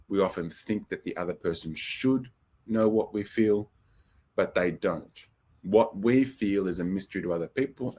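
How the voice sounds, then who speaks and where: A middle-aged New man with a low, slightly husky voice leads a counseling webinar. He talks in a relaxed, thoughtful way, dotted with fillers, and acts out example phrases as he explains. The sound is that of a desk mic on a video call. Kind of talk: conversational webinar teaching.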